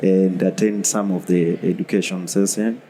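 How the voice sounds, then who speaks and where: Deep-voiced man from Tanzania. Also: steady tone, warm tone, a little hiss or hum. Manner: halting, many fillers. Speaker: guest anesthesiologist. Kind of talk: conference interview.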